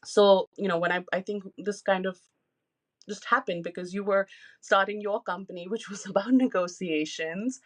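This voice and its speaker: A woman's voice: medium pitch, moderate pace. A woman in her thirties talks openly on a personal podcast. Her speech is casual and candid, full of "you know" fillers. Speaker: podcast co-host.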